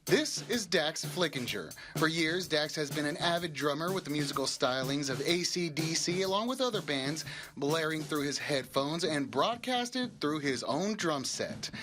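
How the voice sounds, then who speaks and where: Higher-voiced man narrating a news report. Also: lively intonation, normal speed, over music.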